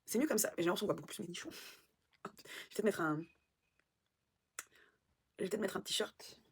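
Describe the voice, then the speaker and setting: A woman vlogger in casual chat, animated and self-mocking, swearing now and then. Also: medium pitch, brisk, a little hiss or hum.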